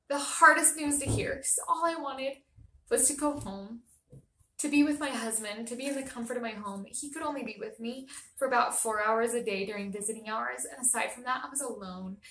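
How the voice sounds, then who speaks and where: Young mom vlogger, earnest and indignant storytelling, some vocal fry, roomy recording. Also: female voice, fairly high pitch, fairly bright tone, slight background noise. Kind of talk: emotional birth story.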